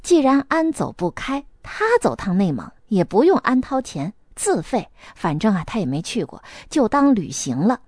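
Woman doing a sharp-tongued, scheming friend. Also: mid-range voice, very animated, normal speed, hardly any pauses, no room sound, clean studio sound. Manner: blunt and teasing.

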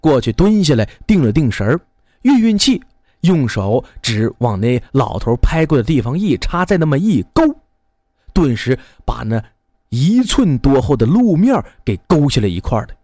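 A man telling a folk tale in a lively, expressive way, acting out many characters. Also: mid-range voice, moderate pace, dry recording, studio quality. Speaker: storyteller. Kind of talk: animated folk storytelling.

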